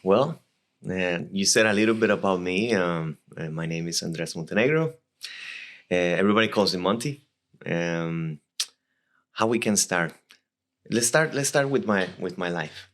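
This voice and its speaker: A man in his thirties from Costa Rica, speaking English with a Costa Rican Spanish accent as his second language, telling his life story as a podcast guest in a halting way with many restarts. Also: deep voice, lively intonation, a bit bright. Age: 30s.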